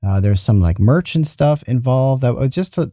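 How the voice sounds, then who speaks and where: Mellow-voiced New host, dry sound. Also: male voice, medium pitch, lively intonation, no echo. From New York, United States. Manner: chatty, halting, laughs easily. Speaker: podcast host. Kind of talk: casual podcast conversation.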